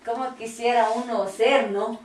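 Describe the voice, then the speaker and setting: A woman's voice: fairly high pitch, fairly even intonation, unhurried, a little mellow. Earnest woman sharing in a roomy space. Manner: earnest, personal storytelling. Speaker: church cell group member. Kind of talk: casual group discussion. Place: small home church meeting room. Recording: roomy, distant mic, faint noise.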